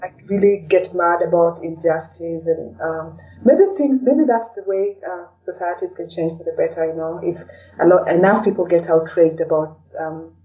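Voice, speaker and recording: A Kenyan woman with a dark, mellow, lowish voice chats at normal speed as a podcast interview guest, often tagging phrases with "you know." She sounds distant from the mic in a dull lo-fi recording. The interview is casual and conversational.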